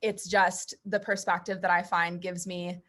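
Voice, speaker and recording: A woman podcast guest gives a reflective, conversational answer, explaining things in a thoughtful, deliberate way. Her voice sits on the low side, with a level tone and a bit of brightness.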